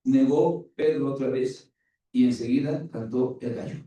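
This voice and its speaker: A man preaching a sermon as pastor, retelling scripture with lively acted-out dialogue. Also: mid-range voice, a little slow, dull audio. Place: church. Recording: very echoey church hall, distant mic.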